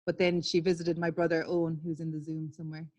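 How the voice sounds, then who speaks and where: A woman's voice: deep voice, little pitch movement, fast, mellow, highs cut off. A woman, an artist and publisher, giving a candid online talk over a video call, swearing and laughing as she tells stories. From Ireland.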